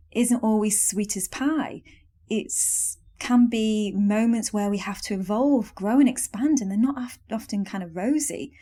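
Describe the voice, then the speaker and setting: A young woman hosting a solo podcast, speaking in an earnest, coaching tone with soft self-help phrasing. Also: mid-range voice. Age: young adult. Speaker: podcast host. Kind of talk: scripted solo podcast talk.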